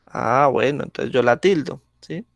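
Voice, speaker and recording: A man's voice: medium pitch, vocal fry, no room sound. A man teaching a grammar lesson over a video call, speaking patiently and checking in with the class often. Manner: slow, patient, checks in with frequent "¿sí?".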